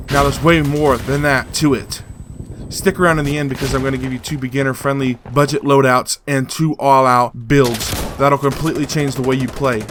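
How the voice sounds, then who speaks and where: A man's voice: medium pitch, fairly bright tone, a little hiss or hum. A man hosting a casual game tutorial voice-over, coaching beginners in a joking, hyped-up way. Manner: joking, hype-filled coaching. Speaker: gaming channel host.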